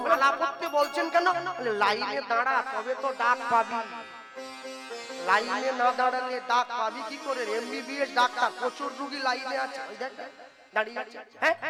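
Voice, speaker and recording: Male kirtan preacher, very high voice, folksy storyteller, loud instruments behind. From West Bengal. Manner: folksy storytelling, acts out dialogue, rhetorical questions. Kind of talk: kirtan sermon to a live audience. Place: evening religious gathering on stage. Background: musical instruments.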